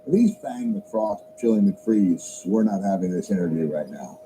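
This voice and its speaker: A man commenting in a documentary interview, speaking in a measured, explanatory way. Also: fairly low pitch, lively intonation, warm tone, a little hiss or hum, low-quality recording. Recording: music playing under the voice.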